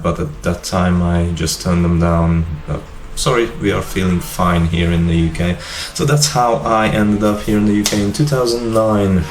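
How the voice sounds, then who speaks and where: A man in his fifties, originally from Hungary, hosting his own vlog and telling his life story in a relaxed, rambling way. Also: deep voice, slight background noise. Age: 50s. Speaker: YouTube channel host. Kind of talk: casual personal vlog talk. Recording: echoey room with music behind.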